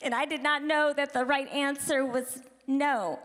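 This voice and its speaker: A woman in her forties with a high voice performs stand-up comedy, unhurried and chatty, often laughing at her own jokes. Her voice rings through a large hall with a long echo trailing each line. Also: fairly even intonation, fairly bright tone, slight background noise. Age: 40s. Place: women's conference hall. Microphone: handheld microphone. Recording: reverberant hall sound.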